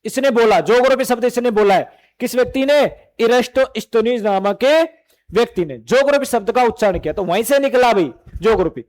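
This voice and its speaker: A man with a very high voice is teaching a class of exam students. He asks a question and then answers it himself, and he keeps calling the students beta and bhai. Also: lively intonation, brisk, a little mellow.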